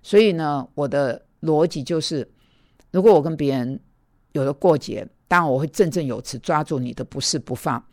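A man's voice: a little high, moderate pace, dry recording, studio quality. A man preaching in an earnest, self-critical way, telling personal stories and talking straight to his listeners.

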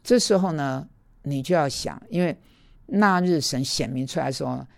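A man's voice: fairly high pitch, moderate pace, gravelly, no echo. A man preaching in an earnest, self-critical way, telling personal stories and talking straight to his listeners.

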